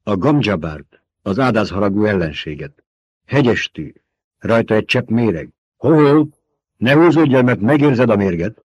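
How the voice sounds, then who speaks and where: A man voicing a stern, menacing old priestess, commanding and sharp in a dull lo-fi audiobook recording. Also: on the low side, lively intonation, breathy edge, no room sound, pitched above the performer's own voice.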